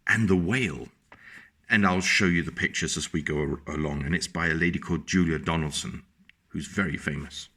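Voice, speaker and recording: A teacher with a fairly low, slightly rough voice reads a picture book to young children, taking his time over every line. He speaks slowly and gently, pausing often to point out and explain the pictures, always patient and unhurried.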